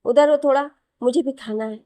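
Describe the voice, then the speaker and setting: A woman's voice: sits high, fairly even intonation, normal speed, mellow, no room sound, natural voice. A woman voicing a hot-tempered young husband who bickers sarcastically in an audio novel. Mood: irritated. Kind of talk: Hindi audio novel reading.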